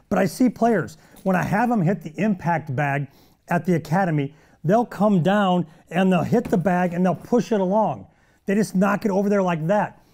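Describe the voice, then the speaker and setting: An energetic middle-aged man teaches golf straight to the camera, his voice pitched high yet mellow in tone. He talks in punchy bursts and throws in sound-effect words as he demonstrates. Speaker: golf instructor and show host.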